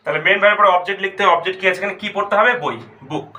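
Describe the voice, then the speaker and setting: Male teacher, high-pitched and brisk, walks students through grammar step by step. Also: sharp tone. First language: Bengali. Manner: explains step by step, asks students questions. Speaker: English teacher. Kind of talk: spoken grammar lesson.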